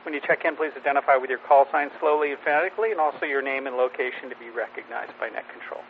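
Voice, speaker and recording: Male net control operator heard over a radio transmission with static. Tinny, narrow audio and a steady hiss. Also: mid-range voice, very fast. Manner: reads a set preamble, with some fillers and restarts. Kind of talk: running a ham radio net.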